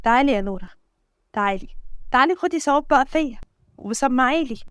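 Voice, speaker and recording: A woman voicing a gentle, teasing young husband, speaking with an Egyptian Arabic accent. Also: sits high, expressive, quick pace, smooth, dry recording, studio quality. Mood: coaxing. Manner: coaxing, playful.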